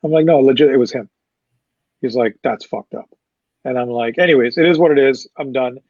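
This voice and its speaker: A man, a concert promoter, recounts a story in a relaxed interview, acting out what others said and cursing often. His voice sits at an ordinary middle pitch. The sound is dry and a little dull. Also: quick pace, no room sound. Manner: animated anecdote-telling with profanity and quoted dialogue.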